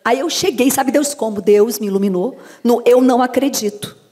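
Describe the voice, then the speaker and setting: A Brazilian woman speaks in a slightly high voice, telling lively stories from her dubbing work to a room of listeners. Her voice rings with a long reverb from the hall, as if caught from a stage. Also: moderate pace. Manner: lively storyteller acting out anecdotes. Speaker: voice actress and dubbing director. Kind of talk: lecture talk to an audience. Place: lecture hall.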